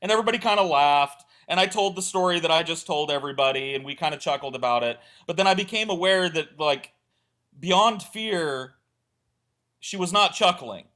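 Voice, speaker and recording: His voice is fairly high and his pace moderate as he spins a crude, wandering funny story on a casual podcast. He animates it by playing out the dialogue himself.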